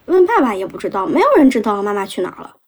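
A young woman telling a painful personal story, halting and emotional with many restarts. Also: medium pitch, sing-song, a little mellow, breathy edge.

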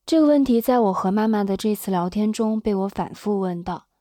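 Brief: woman, 20s, interviewer-narrator, warm-toned, measured scripted delivery. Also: medium pitch, no echo, studio quality. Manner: calm, measured storytelling. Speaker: interviewer and narrator, daughter of the guest.

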